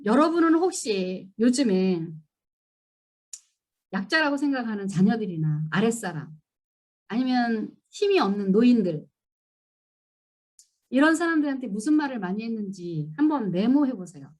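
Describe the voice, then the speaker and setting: Lively woman lecturing at a church seminar. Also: fairly high pitch, moderate pace, pauses often. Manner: animated storytelling, acting out quoted scolding. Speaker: seminar speaker.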